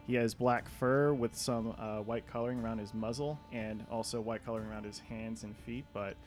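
A man's voice: fairly low pitch, steady tone, moderate pace, soft background music. A man playing a tabletop game, casually describing his character with some stumbles. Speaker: player.

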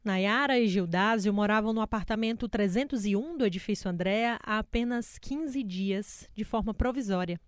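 A woman reads a news voice-over, measured and solemn. Her voice sits at a middle pitch, close and dry with no room sound. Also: no room sound. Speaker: news reporter. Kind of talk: scripted news narration.

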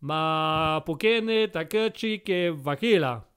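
Guy doing a mock italian examiner, slow fake italian gibberish, smooth lowish voice, radio comedy bit. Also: expressive, a bit bright. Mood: theatrical. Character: gruff Italian male driving examiner, gibberish-speaking.

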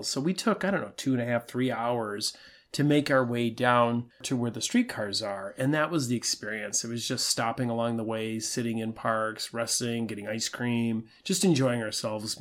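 A man co-hosting a travel podcast, talking in a relaxed, easygoing way and laughing at himself. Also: medium pitch. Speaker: podcast co-host. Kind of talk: casual travel podcast chat.

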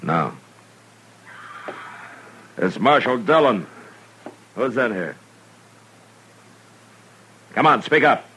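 An actor playing a stern, weary frontier marshal, terse and commanding, in a 1950s radio western. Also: male voice, mid-range voice, big pitch swings, extremely slow, long pauses, bright, forceful tone, slightly rough, heavily acted, poor audio. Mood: wary.

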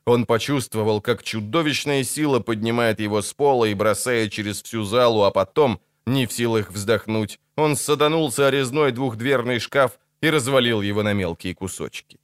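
A man narrating an audiobook in a dramatic, expressive reading style. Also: mid-range voice, moderate pace, hardly any pauses, smooth, no echo, studio quality.

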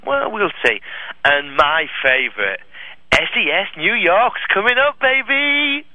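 Bright blunt teasing man. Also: high voice, big pitch swings, a little slow, no echo. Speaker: podcast co-host. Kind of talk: casual banter. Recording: dull lo-fi line.

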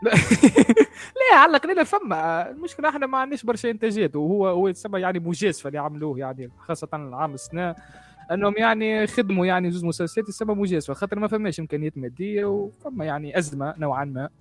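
A man's voice: sits high, lively intonation, racing, a bit bright, soft background music. A man with a Tunisian Arabic accent, co-hosting a casual discussion and repeating himself for emphasis. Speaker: podcast co-host.

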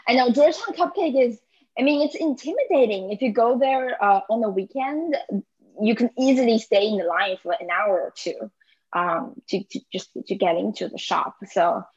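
A woman's voice: a little high, moderate pace, a little mellow, husky, no room sound, dull audio. Hesitant young woman from southern China. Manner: hesitant, many fillers, frequent laughs. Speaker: podcast guest. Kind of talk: casual conversation.

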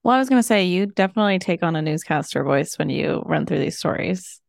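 A young woman with a low, creaky vocal-fry voice, chatting as a podcast co-host. She rambles along casually on a dry close mic. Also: lively intonation, fast, no echo. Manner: rambling, many "like" fillers. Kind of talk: casual chat.

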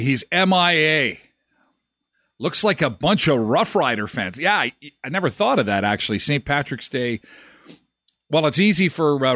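A man's voice: medium pitch, pushed and bright, dry recording, clean studio sound. Jokey man hosting a morning show. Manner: jokey, rambling, many fillers. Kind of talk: casual live show chat.

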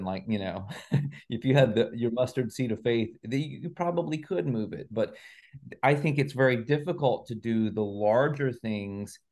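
As an interview guest, a man explains ideas conversationally and reflectively, much like an author discussing his work, leaning on analogies and examples. His voice is mid-range and a little mellow.

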